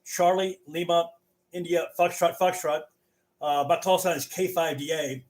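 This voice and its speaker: A man chatting casually as a radio net controller, halting and often repeating his words. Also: on the high side, steady tone.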